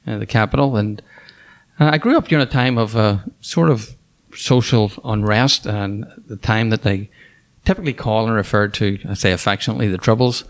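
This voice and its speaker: A man's voice: lowish voice, fairly quick. A man in his fifties with a Northern Irish accent, a school superintendent answering questions in a casual interview, talking with many fillers and restarts. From Northern Ireland.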